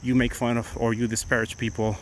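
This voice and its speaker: A middle-aged attorney vlogger, Mexican-born with Spanish as his first language and a Mexican accent, chats loosely on a live stream during a morning walk outdoors. His mid-range voice is brisk with little pitch movement, and he rambles with many restarts over slight background noise.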